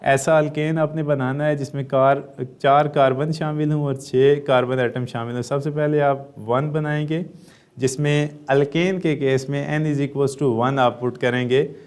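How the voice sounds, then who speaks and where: A man with a Pakistani Urdu accent teaching a chemistry lesson, explaining step by step and answering his own questions, with frequent "uh" pauses. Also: medium pitch, fairly even intonation, darkish tone, clean tone. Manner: often says "uh". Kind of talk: classroom lecture.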